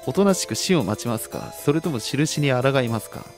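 A man's voice: medium pitch, expressive, fairly quick, lightly acted. Guy reading a talking doll girl in a horror game, super formal n servile, music. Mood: polite, solemn. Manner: formal, deferential. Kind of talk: reading game dialogue aloud.

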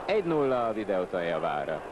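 A man's voice: low voice, sing-song, over loud music. A man giving live football match commentary, clipping out the names of players. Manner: clipped naming of players, exclaims at chances. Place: football stadium. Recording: loud stadium crowd, noisy old TV broadcast.

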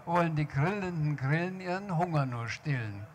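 Brief: an author reading a shy, polite storybook gentleman, mild and modest. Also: on the high side, lively intonation, normal speed, a little hiss or hum, natural voice. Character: modest, courteous grown-up male lodger.

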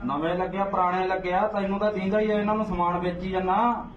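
A man's voice: sits high, fairly even intonation, quick pace, far from the mic, crowd noise. A man confronting and lecturing someone on the street, scolding and repeating his demands. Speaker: activist confronting a drug seller. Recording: echoey, dull, noisy phone video.

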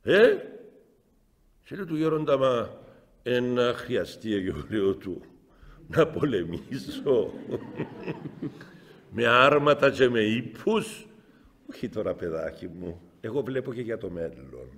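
A middle-aged bishop with a Cypriot Greek accent gives a spiritual talk in a chapel. His voice sits at an ordinary middle pitch and carries a long reverb off the walls. He tells stories, jumping from loud cries to quiet asides. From Cyprus. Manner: storytelling, lively swings between loud exclamations and soft asides. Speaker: metropolitan bishop. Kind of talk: spiritual talk answering the faithful.

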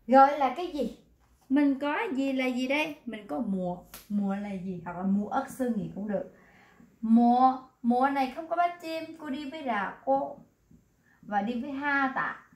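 A woman's voice: high voice, darkish tone. Echoey woman teacher. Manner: patient, asks the class questions and repeats words slowly. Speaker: Korean language teacher. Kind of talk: online class explanation.

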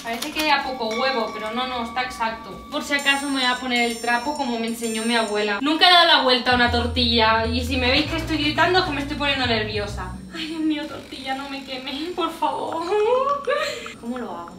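A woman with a Spanish accent from Spain, chatting excitably to viewers while cooking in her kitchen. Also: a little high, fast, few pauses, recorded from a distance, noisy background. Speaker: cooking vlogger. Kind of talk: casual cooking demonstration. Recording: echoey kitchen with music behind.

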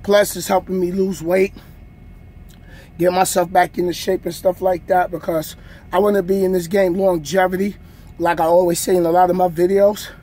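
A thirties truck driver talks slowly and easily to viewers from his sleeper cab, showing off a workout on his bunk in a casual vlog. His voice is high-pitched and a bit rough, picked up by a phone camera on a nearby stand.

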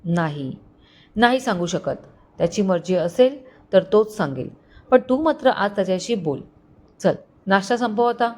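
Lady doing a sweet old uncle figure, soft and kind. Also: mid-range voice, animated, normal speed, lightly acted. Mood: gentle. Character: kind old male caretaker, gentle and wise.

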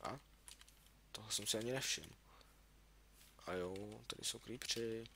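A man's voice: on the low side, sharp tone, a little hiss or hum. Chatty young man over keyboard clicks. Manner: chatty, talks to himself, yelps in alarm. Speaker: gaming YouTuber. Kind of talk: casual let's-play commentary. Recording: clear keyboard clicking under voice. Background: keyboard and mouse clicks.

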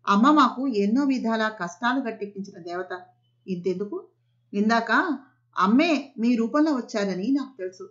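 A woman's voice: on the high side, lively intonation, moderate pace, close to an everyday voice. A woman reading as a shaken, devout young woman. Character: young woman, frightened kidnap survivor, devout. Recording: slightly muffled audio.

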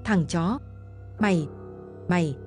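A woman's voice: on the low side, takes it slowly, darkish tone, soft background music. A woman voicing a greed-crazed young man who laughs maniacally as he kills, in a spoken horror story. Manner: maniacal cackling.

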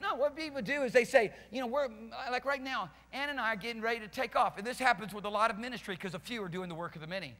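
With barely a pause, a man in his fifties fires off an emphatic sermon in an extremely high, pushed, bright voice. He's a pastor pacing and gesturing on a church hall stage with band gear, wearing a headset mic before a live congregation, and the hall's reverb is long.

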